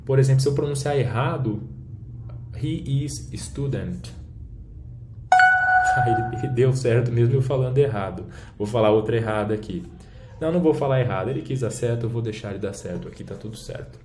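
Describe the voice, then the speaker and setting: A man with a Brazilian Portuguese accent walks through an app on screen as part of a language lesson, casual and explanatory, checking in often. His voice is mid-range and dark, delivered at a quick pace. Roomy echo and faint background noise color the recording.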